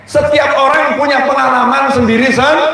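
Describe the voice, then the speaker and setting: Joking preacher in a far-off echoey hall. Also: male voice, extremely high pitch, moderate pace, gravelly. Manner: lively, joking, talks with the audience. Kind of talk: humorous religious sermon.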